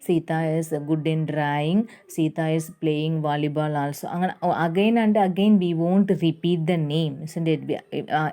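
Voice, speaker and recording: A woman with a Malayali English accent teaches a grammar lesson in a slow, deliberate way. Her voice sits low and sounds mellow, and she keeps checking in with the class as she explains, switching between Malayalam and English.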